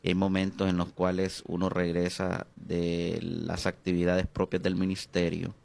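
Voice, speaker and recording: The recording is dry as a middle-aged pastor with a Honduran accent talks as an interview guest, hesitant, reflective, and full of drawn-out fillers. His low, creaky, darkish voice keeps a completely flat delivery.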